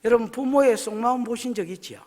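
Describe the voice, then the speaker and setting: A man's voice: very high-pitched, fast talker, darkish tone. A male pastor preaching a folksy, emphatic sermon at a church service, often asking the congregation questions. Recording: echoey church hall.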